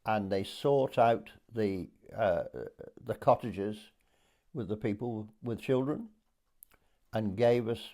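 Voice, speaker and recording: Speaking for an oral history project, an elderly Dorset man in his eighties looks back on his boyhood in England. He narrates with hesitation and frequent pauses, in a dark voice that sits on the low side.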